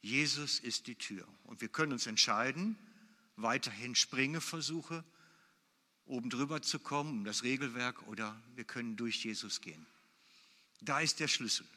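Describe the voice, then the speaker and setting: A man's voice: medium pitch, normal speed, pushed and bright. A man preaching a sermon in German, emphatic and repeating his key phrases for weight. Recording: long hall reverb.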